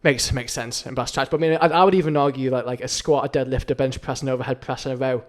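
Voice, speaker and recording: A man's voice: mid-range voice, steady tone, fast. A man interviewing someone in a casual, informal and agreeable way.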